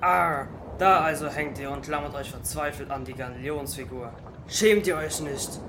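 Man playing a grumpy old sailor, higher-pitched. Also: moderate pace, close to an everyday voice. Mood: grumpy, scolding. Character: grumpy older sailor, scolding helmsman and yarn-spinner. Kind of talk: audio drama acting. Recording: clear background noise.

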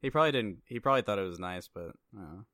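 A man's voice: lowish voice, animated, very fast, a bit bright, dry recording. A young man co-hosting a casual podcast chat, teasing his friend with dry sarcasm. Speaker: podcast co-host.

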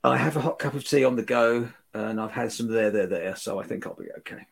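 A man's voice: mid-range voice, brisk, vocal fry, slightly rough. A British man hosting a podcast in casual chat, droll and mock-stoic while under the weather with a cold. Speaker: podcast host.

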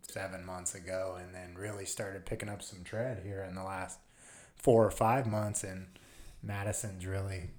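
A man with a deep, low voice talks in a relaxed, casual way, tossing in dry teasing remarks. His voice echoes around the room. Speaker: podcast guest and brand co-founder. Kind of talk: casual podcast chat.

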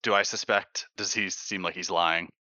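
A man playing a tabletop game in character, hesitant with many pauses and restarts. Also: sits low, steady tone, bright, forceful tone, dry recording, dull audio. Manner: hesitant, lots of ums and restarts. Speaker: player.

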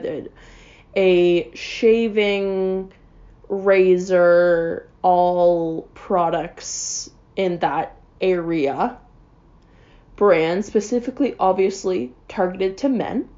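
A woman's voice: mid-range voice, darkish tone, highs cut off. A young adult woman in a casual comedic rant, sarcastic and rambling, full of "like" and "um". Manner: sarcastic, rambling, heavy on fillers.

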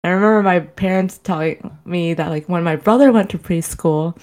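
A young woman from the States co-hosting a podcast, talking softly and laughing often, a bit unsure of herself. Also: lowish voice, moderate pace. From United States. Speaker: podcast co-host. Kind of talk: casual chat.

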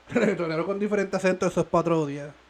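A man's voice: sits high, quick pace. A man co-hosting a podcast, joking crudely and bursting into laughter. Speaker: podcast co-host. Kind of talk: casual banter.

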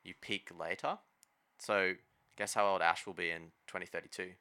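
A man's voice: low voice, steady tone, moderate pace, sharp tone, clear, resonant tone. A man with an Australian accent chatting casually about sport as a podcast co-host, in laid-back, colloquial phrasing.

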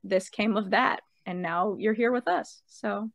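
A woman's voice: mid-range voice, a little slow, gravelly, dry recording, studio quality. A 21-year-old woman from New Hampshire co-hosting a casual podcast chat with friends, upbeat and teasing. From New Hampshire, USA. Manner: upbeat, teasing, laughs often. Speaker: podcast co-host.

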